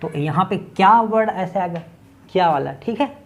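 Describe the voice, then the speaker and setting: An expressive man with a high, slightly bright voice teaches English grammar at a board at a moderate pace. He's from Chhattisgarh, India, explains in Hindi with a local accent, and proceeds step by step while often checking in with "ठीक है".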